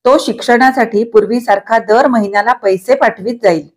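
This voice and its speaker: A woman's voice: a little high, moderate pace, lightly acted. A woman voicing a firm, plain-spoken old grandmother in a read-aloud novel.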